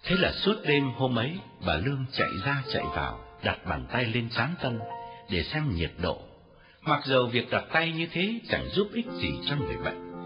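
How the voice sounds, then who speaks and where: A man narrating a story with a very expressive, varied delivery. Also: medium pitch. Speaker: audiobook narrator. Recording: dull lo-fi audio with faint music.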